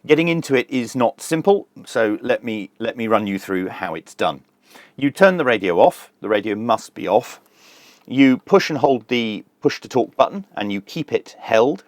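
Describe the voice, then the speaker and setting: Reviewing some kit hands-on, this man speaks animatedly at a moderate pace, his voice at an ordinary male pitch. He lays things out plainly, one step at a time, with a dry sense of humour, and the recording is completely dry with no echo or room sound.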